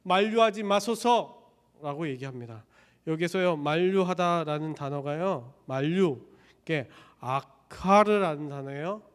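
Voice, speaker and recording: A man delivers a sermon in an animated storytelling manner, slipping into the voices of the people in the passage. His voice sits slightly high for a man. The sound rings with a long reverb, as in a large church hall. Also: measured pace, clean tone. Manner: animated storytelling, acting out characters' lines. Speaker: pastor. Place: church sanctuary.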